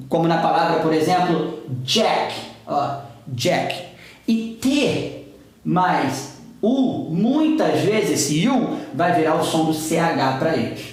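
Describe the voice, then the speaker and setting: A man's voice: high voice, a little mellow. A Brazilian Portuguese-speaking man teaching an English pronunciation lesson, patiently repeating example words. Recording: very echoey room.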